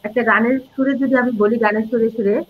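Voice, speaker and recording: A woman's voice: a little high, fairly even intonation, quick pace, a little hiss or hum. A middle-aged woman, a Bangla teacher and reciter, explaining pronunciation rules in a live interview and demonstrating words and short sung lines. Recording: dull lo-fi audio.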